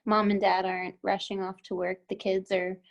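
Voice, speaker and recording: A woman's voice: mid-range voice, level tone, moderate pace, gravelly, highs cut off. A female musician being interviewed over a video call. She chats in a friendly, agreeable way. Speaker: musician guest. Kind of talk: casual interview chat.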